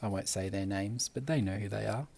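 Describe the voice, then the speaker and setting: A young man, a primary school teacher, gently talking children through a drawing step by step. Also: on the low side, gravelly. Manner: gentle, unhurried, talks while drawing. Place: classroom at school.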